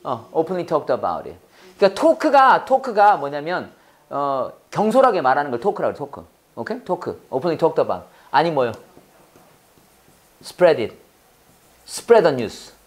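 Teacher drilling bible english call-and-response, voice jumps up and down a lot, repeats stuff slow. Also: mid-range voice, very animated. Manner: quizzing, repeats phrases slowly for learners.

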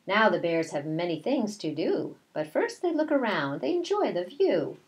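A middle-aged kindergarten teacher with a mid-range voice reads a picture book aloud, deliberate and expressive, with asides to young kids. She's in a small bedroom at home, and there's a little hiss or hum.

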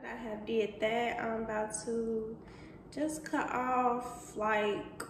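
A young adult woman, a cooking vlogger, talks viewers through a cook-along in her home kitchen, chatty and casual and calling them y'all and boo. Her voice is on the high side, slow, with little pitch movement, and loud music plays behind it. A camera on the counter picks her up from a distance in an echoey indoor kitchen with noticeable background noise.

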